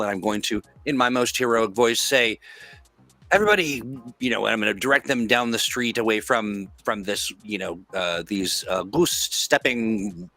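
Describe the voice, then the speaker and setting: A man's voice: on the low side, sharp tone. A man playing a tabletop game casually, thinking aloud and feeling his way through his moves. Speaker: game player.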